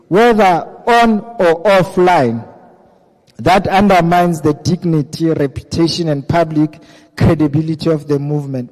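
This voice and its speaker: A man's voice: high-pitched, a little mellow. A South African man formally reading out an organisation's document to a meeting. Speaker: presenter of an organisation's code of conduct. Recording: hall PA with long reverb.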